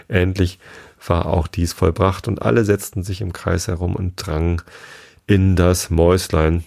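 A man reading a children's storybook aloud, in a measured, unhurried way. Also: deep voice, vocal fry, darkish tone, breathy edge. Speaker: reader.

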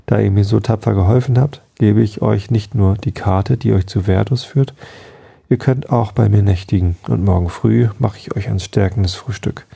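A man voicing a calm, cunning old witch woman who speaks gently and soothingly in a bedtime story. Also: fairly low pitch, moderate pace, creaky, breathy edge, full character voice.

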